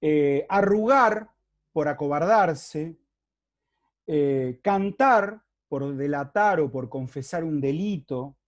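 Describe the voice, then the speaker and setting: Rioplatense guy lecturing slow, kinda high voice, lots of eh and tags. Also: lively intonation, lo-fi sound. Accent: Rioplatense Spanish. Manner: explanatory, checks understanding with frequent rhetorical tags; unhurried, with hesitant fillers and restarts. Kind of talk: university lecture.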